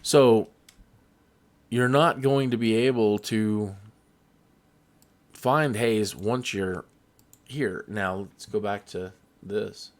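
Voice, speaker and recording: A man's voice: lowish voice, extremely slow, long pauses. A man hosting a flight simulator tutorial, talking in a casual, rambling, jokey and folksy way.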